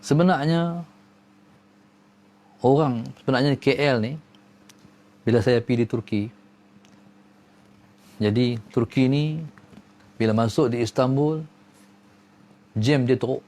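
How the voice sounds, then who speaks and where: A man teaching a religious lesson in a mellow, warm voice. He drops to soft, low murmurs, then jumps up to sharp, high exclaims, and he works Arabic prayers into his talk. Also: takes it slowly, long pauses.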